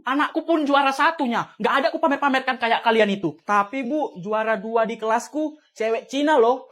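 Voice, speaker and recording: High-pitched woman w/ doing a bunch of comedy characters, lots of mock shouting. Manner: switches between character voices, mock-shouting. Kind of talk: comedy skits playing many roles.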